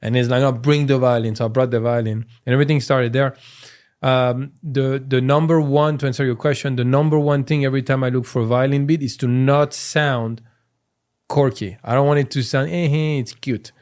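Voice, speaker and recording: A French comedian, guesting on a podcast, chats casually in a medium-pitched voice at a slightly quick pace. He has a French accent and tells his stories with energy, acting out the voices of the people he quotes.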